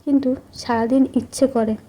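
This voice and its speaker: A woman voicing a gentle, brooding male doctor who speaks softly and low in a romantic audio story. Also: fairly even intonation, normal speed. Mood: hushed. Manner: soft, hushed.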